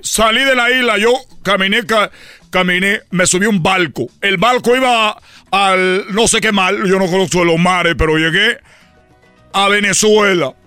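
Guy on a comedy radio bit, rambling storyteller, dry mic, soft music behind. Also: sits high, normal speed, smooth, dry recording. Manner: rambling and playful, slipping into voices. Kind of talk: comic storytelling skit.

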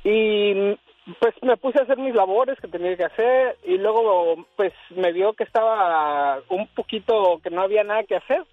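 A man, calling into a radio show and telling a story in a lively way, acting out what people said. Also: high voice, normal speed, no room sound. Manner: animated, acts out dialogue. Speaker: radio caller. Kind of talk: casual storytelling on air. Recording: dull lo-fi radio sound.

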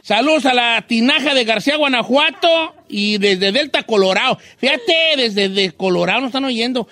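A man's voice: very high-pitched, normal speed, pushed and bright, dry recording. A man hosting a radio show, joking playfully and reading out listener greetings in a slangy, casual way.

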